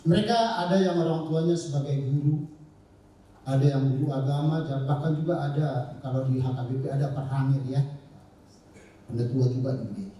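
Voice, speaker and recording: A man telling a relaxed, jokey story about his childhood friends at a church event. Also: on the high side, brisk. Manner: easygoing, jokey. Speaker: co-speaker. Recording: echoey church hall from far off.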